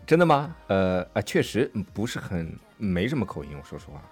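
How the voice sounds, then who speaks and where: A man co-hosts an English-teaching language podcast from a studio in Sydney, casually chatting bilingually as he explains English words, spells them out letter by letter, and checks in with his partner. His voice is on the low side, sing-song and fairly quick, with a breathy edge and faint music in the background.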